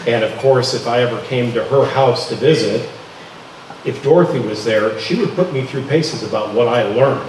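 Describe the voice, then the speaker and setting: Male host interviewer, mid-pitched, heard off-mic in a very echoey room. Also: moderate pace, far from the mic, a little hiss or hum. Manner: prompting, conversational. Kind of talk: interview questions.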